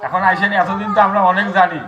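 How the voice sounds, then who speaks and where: A man's voice: sits high, fast, dull audio, a crowd in the background. A man giving a religious discourse to a gathering, explaining his points through repeated rhetorical questions. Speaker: Gita discourse speaker. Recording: steady background noise with clicks.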